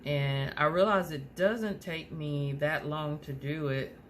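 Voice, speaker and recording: A woman with a drawl hosts a casual craft tutorial in a low, unhurried voice. A slight lisp from aligner trays colors her words, and she rambles along with plenty of fillers and restarts. A faint hiss sits under the recording. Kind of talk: casual how-to talk.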